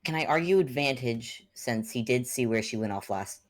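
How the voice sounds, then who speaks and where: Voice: medium pitch, expressive, moderate pace, no echo, studio quality. A player in a casual tabletop role-playing game, laid-back and hesitant, thinking aloud.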